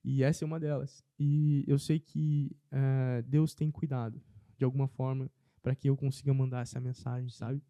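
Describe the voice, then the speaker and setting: A man telling a personal faith testimony as a podcast guest in casual chat, earnest and animated. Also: medium pitch, moderate pace, smooth, no echo.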